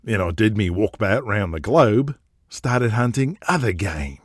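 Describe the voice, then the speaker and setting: This is the same boastful, foul-mouthed Australian big-game hunter and media tycoon, voiced by a man in an audio drama with an intimidating edge as he brags about the past. The voice sits lowish, with lively intonation and an unhurried rhythm, captured clean in a studio without echo.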